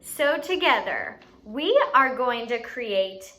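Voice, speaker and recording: A woman whose voice sits on the high side leads a children's educational activity as a story time host and teacher. Slow, sing-song, pushed and bright, she playfully gives instructions and asks questions as if to young kids.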